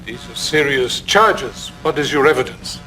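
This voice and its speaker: A man's voice: mid-range voice, expressive, unhurried, pushed and bright, poor audio. A stern man speaks in film dialogue. He is formal and serious, questioning what he is told.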